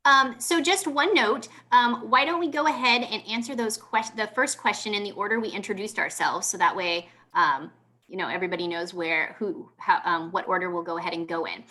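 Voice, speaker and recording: Bright-voiced woman moderating. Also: mid-range voice. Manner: brisk, with frequent ums. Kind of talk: hosting a video panel. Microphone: video call.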